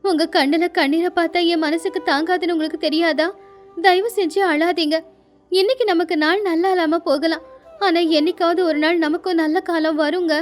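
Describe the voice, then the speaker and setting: A woman playing a gentle, loving young wife. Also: very high voice, steady tone, fairly quick, faint music behind. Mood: consoling. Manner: gentle and soothing.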